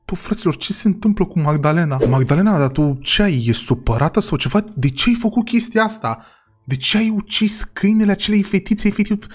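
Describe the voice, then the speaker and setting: Excitable male gaming host, high-pitched voice, talks straight to viewers. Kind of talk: role-play game commentary to viewers.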